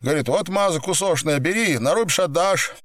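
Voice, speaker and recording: A man's voice: fairly high pitch, animated, a little fast, fairly bright tone, dry recording, studio quality, pitched above the performer's own voice. A man doing a terrified young thug pleading. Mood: hurried. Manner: pleading, swearing oaths. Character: frightened young male thug begging for mercy.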